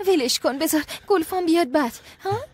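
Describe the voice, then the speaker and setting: A cunning, scheming young wife in a dubbed TV drama, the new lady of a grand house. Her voice is high and controlled. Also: expressive, a little mellow. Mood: soothing. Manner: cool and taunting with the servant, soothing with her husband. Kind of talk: Persian dubbing of a TV drama.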